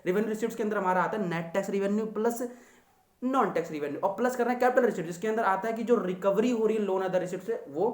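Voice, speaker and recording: Man, young adult, exam-prep teacher, chatty, teasing, high-pitched, roomy echo. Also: quick pace. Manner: chatty, teasing, addresses students as friends. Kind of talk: casual Hindi lecture.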